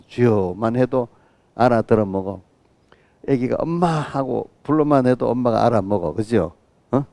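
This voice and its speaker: A man's voice: on the low side, creaky, warm tone, no echo. A middle-aged man preaching an early-morning sermon as pastor, talking with the congregation and often asking "right?". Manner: acts out quoted voices of children and God in his own voice.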